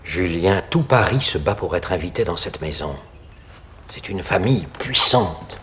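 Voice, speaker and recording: A composed priest mentor; calm, stern delivery, low voice. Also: male voice, unhurried, slight background noise. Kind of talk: period film drama.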